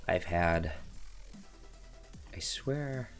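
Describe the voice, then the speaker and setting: Soft music plays behind this streamer, an American man in his thirties whose allergies leave him stuffy. His low voice is expressive and very slow as he rambles through a casual card game accessory review from his home desk room, heavy on fillers and self-corrections.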